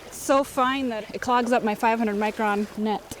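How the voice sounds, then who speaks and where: Standing by a creek, this young woman, a water quality specialist, gives an enthusiastic field interview explanation with occasional light laughs. She speaks at normal speed in a fairly high, steady voice. Outdoor ambience and noise come through the recording.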